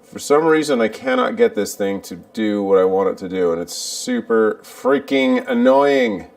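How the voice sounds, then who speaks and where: A man chatting casually on a livestream from a cluttered garage, muttering to himself while he fixes his setup. His voice is gravelly, with a lively pitch that swings up and down. He sounds a bit distant, picked up by a camera mic set back in the room. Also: normal speed. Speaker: livestreaming vlogger.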